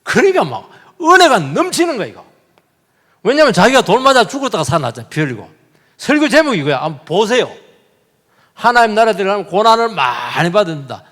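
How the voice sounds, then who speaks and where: Animated male pastor preaching in a hall. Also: high-pitched, quick pace, long pauses. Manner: animated, rhetorical questions to the congregation. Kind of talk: sermon. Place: church sanctuary.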